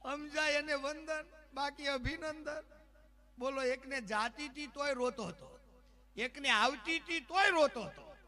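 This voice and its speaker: A man's voice: very high-pitched, a little slow. A man telling comic stories live on stage, acting out characters and talking straight to the audience. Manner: lively, acts out quoted characters, talks straight to the crowd. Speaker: folk humorist on stage.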